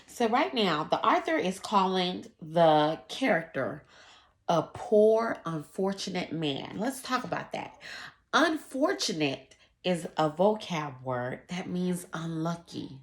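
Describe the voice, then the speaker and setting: A woman schoolteacher reads aloud to children and teaches them in a children's read-aloud lesson, speaking to them directly in an instructive, emphatic way. Her voice is on the low side, with lively intonation and a slow pace.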